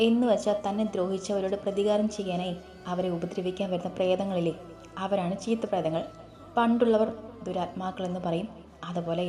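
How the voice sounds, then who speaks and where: A woman voicing a gentle, patient young male ghost in a storybook reading, explaining things calmly. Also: mid-range voice, close to an everyday voice. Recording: echoey room, faint music.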